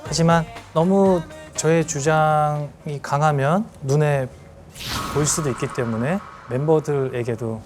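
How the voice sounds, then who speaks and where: A man in his thirties giving a storytelling lecture to an audience, lively and acting out scenes with sound effects. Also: on the high side, unhurried, music in the background. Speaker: celebrity lecturer.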